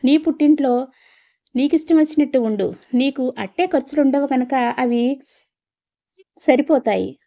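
Woman doing stern old husband, firm and scolding, highish voice, bit dull recording. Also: moderate pace, long pauses, dark tone. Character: stern older husband, fed-up head of house.

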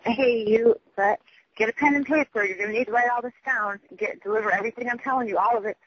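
A woman's voice: fairly high pitch, fast. Woman, voicemail message, rambling and scattered, urgent, swearing, muffled lo-fi phone sound. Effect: voicemail message over a phone line.

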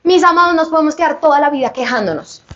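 High-voiced woman preaching with fervor. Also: lively intonation, fast talker, fairly bright tone, lo-fi sound. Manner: fervent, addresses listeners directly with questions. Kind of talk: sermon at a healing retreat.

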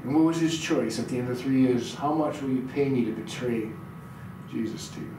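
A man's voice: medium pitch, fairly quick. Middle-aged male pastor preaching, quizzes listeners, roomy echo, distant mic. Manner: reads scripture aloud and quizzes the audience. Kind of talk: sermon. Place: small church room indoors. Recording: very echoey room, heard from afar, noisy.

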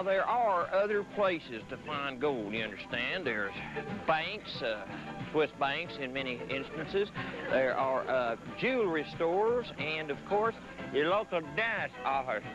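Crusty old prospector, folksy rambling comedy bit, highish voice, dull vhs sound w music. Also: male voice, animated, measured pace. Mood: matter-of-fact, folksy. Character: grizzled old male gold prospector, folksy and cantankerous. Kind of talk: mock documentary comedy sketch. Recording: muffled old VHS tape, music behind.

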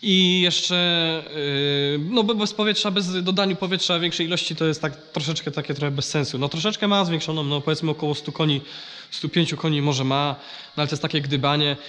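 A man's voice: a little high, fairly even intonation, brisk, bright, forceful tone, a little hiss or hum. A man with a nasal, congested voice from a blocked nose, explaining farm machinery in a casual, hesitant vlog style. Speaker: vlogger.

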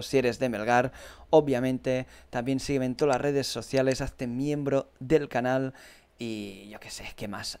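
A young man with a Spanish accent from Spain, giving an excitable, swearing live reaction to a football penalty shootout. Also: mid-range voice, smooth.

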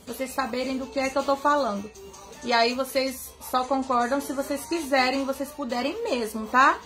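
Hosting a casual live stream, a young singer from Bahia, Brazil, greets her viewers one by one with affection. Her voice is high and her pace moderate; she sits on her bed indoors, captured by a phone camera at arm's length, with soft music in the background.

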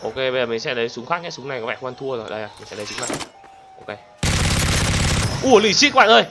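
A young man commentating a game, excitable and talking straight to viewers, bursting into panicked shouts. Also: medium pitch, very fast, very noisy. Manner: talks to viewers directly. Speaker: gaming channel host. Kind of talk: let's play commentary. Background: loud game music.

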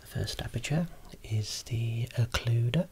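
A voice whispering slowly and softly, showing eye-clinic equipment as an ASMR role-play optometrist. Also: medium pitch, slight background noise. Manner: soft unvoiced whispering, explaining slowly.

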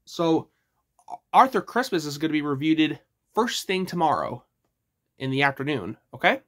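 A man's voice: on the high side, sing-song, moderate pace, a bit bright. A man casually reviewing a DVD for his channel, chatty and eager as he points out what he is showing.

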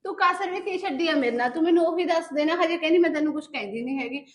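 Woman acting young wife, firm, pleading, quick speech, short film melodrama. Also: extremely high pitch. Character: put-upon young wife defending her home. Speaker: sister-in-law, wife of the house.

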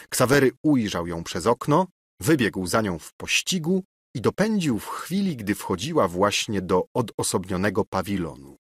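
A man narrating a classic novel in an expressive, dramatic reading. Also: fairly low pitch, slightly rough, no room sound, clean studio sound. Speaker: audiobook narrator.

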